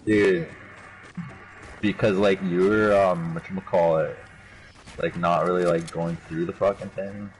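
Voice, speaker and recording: A man's voice: sits low, steady tone, unhurried, pauses often, slight background noise, poor audio. A man chatting over a video game, hesitant with many fillers and frequent swearing. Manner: mumbling, hesitant, swears a lot. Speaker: gamer. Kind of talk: casual game chat.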